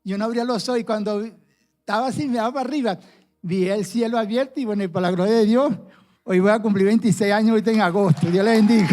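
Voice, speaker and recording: A middle-aged man with a Venezuelan accent giving a personal testimony at church, halting and often repeating his words. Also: high-pitched, darkish tone. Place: church service.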